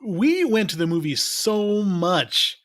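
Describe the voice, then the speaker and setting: Laughing, rambling podcast host. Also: male voice, high voice, sing-song, takes it slowly, a bit bright, no echo, studio quality. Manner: rambling, laughs often, many restarts. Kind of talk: casual chat.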